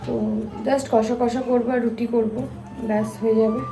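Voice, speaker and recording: Hoarse woman vlogging while she cooks. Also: fairly high pitch, level tone, moderate pace, over music. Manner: chatty, talks straight to viewers. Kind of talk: casual vlog narration while cooking. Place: home kitchen.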